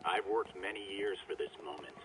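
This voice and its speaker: A male actor voices a menacing video game villain with a very deep voice. He speaks coldly and deliberately, as if each threat is settled fact. A faint noise sits under the voice. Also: lightly acted, low-quality recording. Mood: cold menace. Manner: slow, deliberate, cold.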